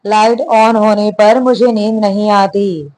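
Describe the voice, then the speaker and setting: A woman reading the lines of a gruff, impatient young husband in a storybook tale. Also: mid-range voice, fairly even intonation, slow pace, darkish tone, natural voice. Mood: irritated. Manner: curt, irritated.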